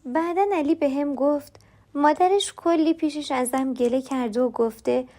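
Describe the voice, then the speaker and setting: Brief: woman, high voice, confiding first-person storyteller. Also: mellow. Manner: confiding, voices other characters in dialogue. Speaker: narrator.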